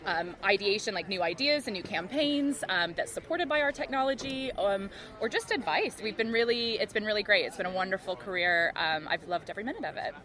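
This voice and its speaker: A woman's voice: mid-range voice, lively intonation, fairly quick, hardly any pauses, sharp tone. A woman with an American accent talking casually as a podcast guest. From United States. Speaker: podcast guest, charity technology professional. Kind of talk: casual interview chat.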